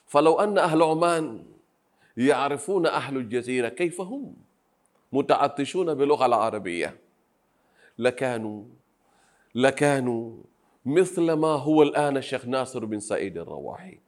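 A man from Pemba, by birth, answers an interviewer's questions. He speaks earnestly and humbly in a soft voice and often restarts his phrases. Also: medium pitch. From Pemba, Zanzibar. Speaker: Arabic grammar teacher, interview guest. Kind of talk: interview conversation.

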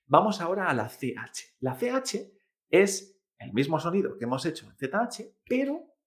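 Guy teaching mandarin sounds, slightly high voice, says the syllables out loud and drawn out. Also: very animated, moderate pace. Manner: demonstrates sounds loudly, stretches syllables. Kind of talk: explaining pronunciation to learners.

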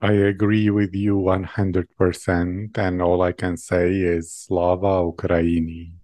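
A man interviewing a guest in a formal, sincere way, with deliberate phrasing. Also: sits low, flat delivery, mellow, no echo.

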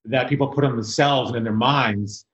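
A man from South Africa hosting an interview podcast, talking reflectively and haltingly, with repeated words. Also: medium pitch, fairly bright tone. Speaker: podcast host. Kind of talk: casual interview chat. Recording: roomy, dull sound.

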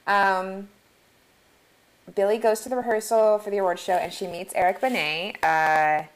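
A woman's voice: mid-range voice, steady tone, moderate pace, poor audio. Chatty woman podcast co-host recapping a film. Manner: chatty, laughs often, quotes characters mid-recap. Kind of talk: casual chat recapping a film.

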